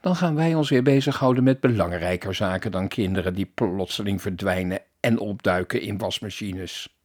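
A gruff, skeptical policeman with a mustache who grumbles his lines in a storybook tale, as a male reader puts him on. The voice is pushed low and husky. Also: moderate pace, a little mellow. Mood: grumbling.

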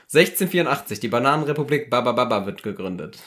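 A man's voice: mid-range voice, animated, fairly bright tone, a little hiss or hum. A man hosting a casual podcast, playfully reading out a list and chatting to distract his co-host. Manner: playful, deliberately distracting with counting. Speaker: podcast host running a memory game.

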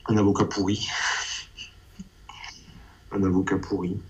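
An anonymous man giving a personal testimony in an interview, his voice pitch-shifted down to disguise it, speaking in a halting way as he searches for words. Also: level tone, a little mellow, lo-fi sound, slight background noise. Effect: pitch shifted down to hide identity.

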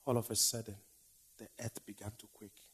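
A man preaching a dramatic sermon, swinging from loud declaiming to hushed whispers in a slow, repetitive cadence. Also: lowish voice, level tone, husky.

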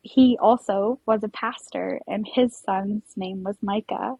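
A woman's voice: mid-range voice, steady tone, measured pace, vocal fry, darkish tone, breathy edge, no room sound, rough recording. A young woman telling her personal story as a podcast guest, emotional and full of "like" fillers. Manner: emotional, heavy use of "like" fillers.

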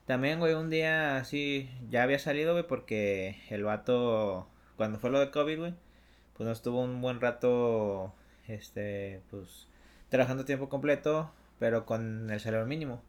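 A man's voice: medium pitch, moderate pace. A young man with a Mexican accent telling a work story in casual chat, full of slang and acted-out voices. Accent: Mexican Spanish. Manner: slangy, animated, acts out voices in anecdotes.

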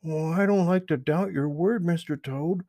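A man's voice: on the high side, normal speed, mellow, dry recording, voice pushed up, natural voice. A man voicing Peter Rabbit, an eager and apologetic young male rabbit, in an earnest, pleading storybook reading. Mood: curious. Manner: earnest, pleading, wide-eyed.

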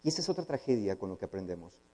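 A man's voice: fairly low pitch, sing-song, racing, mellow. A man, a therapist giving a humorous, conversational talk to a live audience and acting out bits of dialogue. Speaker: therapist and speaker. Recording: long hall reverb.

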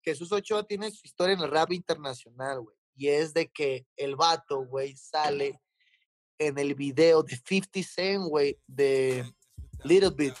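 A man's voice: a little high, unhurried, dry recording. A man with a Mexican accent, a rapper talking casually as a guest and telling stories in sweary street slang. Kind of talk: casual chat, storytelling.

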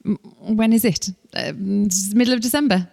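Giggly woman co-host, gravelly fry, a touch of room reverb. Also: mid-range voice, normal speed, warm tone. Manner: bubbly, giggly, affectionate. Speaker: podcast co-host. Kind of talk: casual podcast chat.

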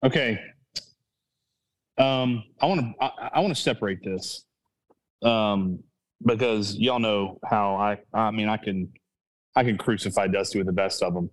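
A man who has a child hosts a casual sports podcast, thinking aloud in rambling fashion, restarting sentences and correcting himself. His voice is lowish and a little slow with frequent pauses, and the audio is poor.

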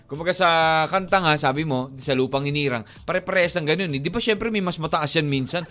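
A man's voice: fairly high pitch, a little fast, a bit bright. A man co-hosting a radio show, chatting casually and rambling between Tagalog and English with frequent chuckles. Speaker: radio DJ and co-host. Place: radio studio.

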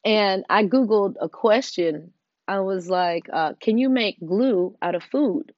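A woman giving an earnest, encouraging motivational talk, often dropping into hushed tones. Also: mid-range voice, takes it slowly, no room sound, lo-fi sound. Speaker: host.

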